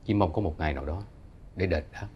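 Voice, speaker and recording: Actor as low-voiced solemn southern Vietnamese father. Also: fast talker, muffled recording, a little hiss or hum, lightly acted. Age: middle-aged. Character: forgiving, solemn middle-aged father. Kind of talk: television drama acting.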